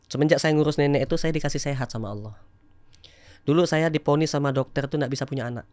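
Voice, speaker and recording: A man, telling his personal story candidly as a podcast guest and growing loud and emphatic at times. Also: fairly high pitch, fast, dry recording. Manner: animated, rising to loud emphatic bursts.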